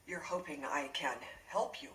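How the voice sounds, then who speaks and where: A woman's voice: low voice, moderate pace. A mother talking like a robot. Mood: robotic, deadpan. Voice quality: flat, robotic monotone, restating each line back. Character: mother flatly parroting her son like a robot. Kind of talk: sitcom acting. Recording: roomy sitcom set, distant mic, faint ambience.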